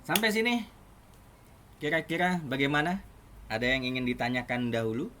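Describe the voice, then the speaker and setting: A man's voice: medium pitch, normal speed, fairly bright tone, a little hiss or hum. A man teaching an online Arabic class in a casual, chatty way, often asking his students questions.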